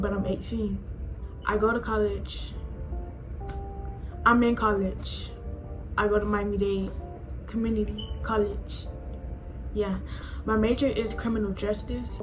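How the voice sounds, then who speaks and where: A medium-pitched female voice on a low-quality recording. An eighteen-year-old woman vlogs about herself, talking casually to camera in a chatty, rambling way and saying "like" a lot.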